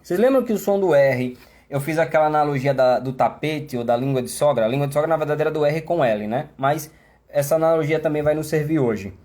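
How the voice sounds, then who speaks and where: A man with a Brazilian Portuguese accent teaching English pronunciation in a live online class, chatty and self-mocking, slowing down to exaggerate sounds. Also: a little high, a little mellow. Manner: exaggerated slow demonstrations.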